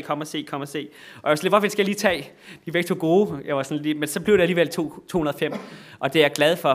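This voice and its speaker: A man preaching a sermon in a church, repeating phrases and rising to loud exclamations between looser, filler-laden stretches. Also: a little high.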